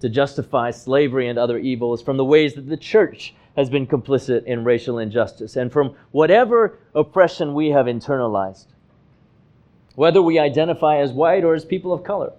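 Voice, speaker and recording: A man in his thirties from Hong Kong, a pastor giving a measured, earnest, reflective sermon. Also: mid-range voice, a little mellow, highs cut off. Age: 30s.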